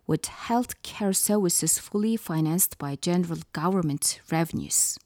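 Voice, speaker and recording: A woman's voice: on the low side, mellow, no room sound, studio quality. A woman radio presenter with a Mongolian accent, reading a scripted report.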